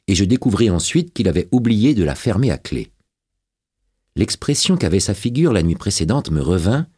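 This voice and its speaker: A man narrating a novel as an audiobook, with a dramatic and expressive reading. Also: sits low, husky, no room sound, clean studio sound.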